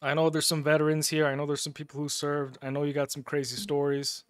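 A man's voice: on the high side, completely flat delivery, fast, dry recording, clean studio sound. A man telling a loose, profane story on a casual gaming livestream, chuckling and sipping a drink as he goes. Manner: sips a drink between lines. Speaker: gaming streamer.

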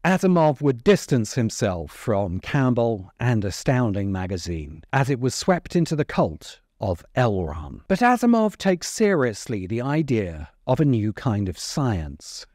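A middle-aged man hosts a video essay, reading scripted narration into a close microphone on a stand in front of him. His voice is mid-range with a darkish tone, and the recording is dry.

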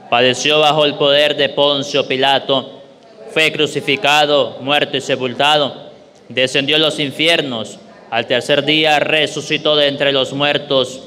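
A man leading prayers at Mass in a measured, solemn recitation. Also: mid-range voice, pushed and bright. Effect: long church reverb. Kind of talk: liturgical reading. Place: large church. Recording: echoey church with faint room noise.

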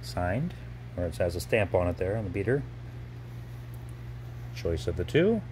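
A man's voice: deep voice, very animated, darkish tone, slight background noise. A man previewing auction lots in a gallery warehouse, listing items one by one in short bursts while filming on a phone. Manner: brisk item-by-item listing. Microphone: handheld phone camera.

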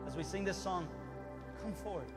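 A man in his thirties preaches fervently from the stage of a church, urging on the congregation and halting now and then for an interpreter. His high-pitched voice moves a little fast, with worship music in the background.

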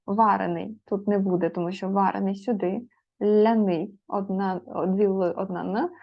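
A woman teacher explaining spelling rules to students, patient and methodical, pausing on fillers and spelling out letters. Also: medium pitch, fairly even intonation, vocal fry. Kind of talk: spoken grammar lesson. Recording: slightly dull lo-fi audio.

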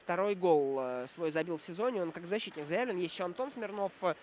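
A man commentating live on ice hockey, reflective and analytical, often pausing mid-sentence to find his words. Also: sits high, lively intonation, slight background noise.

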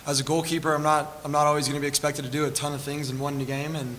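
A man's voice: mid-range voice, a bit bright. A man in his twenties with an American accent, a college goalkeeper answering questions in a post-game interview. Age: 20s. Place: press conference table with backdrop. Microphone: table stand microphone. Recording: reverberant hall, faint room noise.

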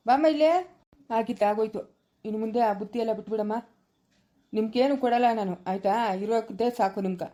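A woman's voice: on the high side, little pitch movement, fast talker, mellow, lightly acted. A woman playing a firm, middle-aged male village elder in a rural family drama. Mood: soothing.

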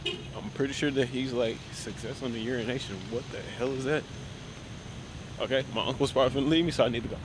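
A young man vlogging on a road trip, talking softly and haltingly with many fillers into a handheld camera at arm's length. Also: mid-range voice, fairly even intonation, very noisy. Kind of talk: casual travel vlog.

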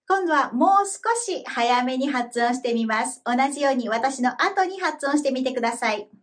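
A woman presenting a scripted language lesson, speaking clearly and carefully and slowing down to model pronunciation. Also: sits high, animated. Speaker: language teacher.

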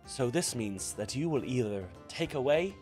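A man's voice: mid-range voice, expressive, a little mellow, close to an everyday voice. Man voicing a mysterious elven fortune teller woman. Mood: portentous. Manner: fortune-teller patter, slow portentous card reading. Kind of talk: tabletop role-play. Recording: music playing behind the voice.

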